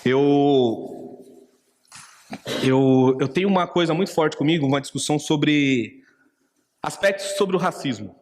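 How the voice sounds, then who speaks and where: A man's voice: on the high side, unhurried, pauses often, darkish tone. Preaching Brazilian man with hall reverb. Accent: Brazilian Portuguese. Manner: preaching with acted inner voices, rhetorical questions. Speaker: pastor. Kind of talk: sermon.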